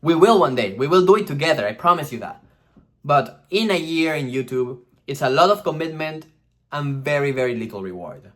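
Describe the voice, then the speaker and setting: A young man with a fairly high voice talks quickly and casually about starting a vlog channel. He's animated, swears freely, and acts out the algorithm in silly voices.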